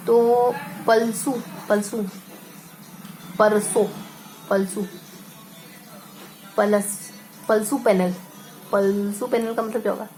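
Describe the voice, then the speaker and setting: A woman's voice: mid-range voice, fairly even intonation, very slow, long pauses, a little mellow, soft background music. Woman teacher drilling memory tricks. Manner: repeats words and stretches syllables while explaining. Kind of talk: exam-prep lesson with memory tricks.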